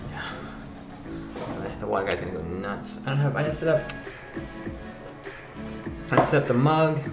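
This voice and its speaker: This vlog host, a man with an expressive mid-range voice at normal speed, chats casually with his audience and calls himself grandpa in the third person. His talk rambles, with frequent restarts that lead him to repeat himself. The recording comes from an echoey, sparsely furnished apartment room with background music.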